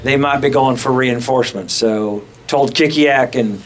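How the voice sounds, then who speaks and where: A man's voice: medium pitch, unhurried, a little hiss or hum. A man chatting casually as a player in a tabletop role-playing game. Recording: music clearly behind.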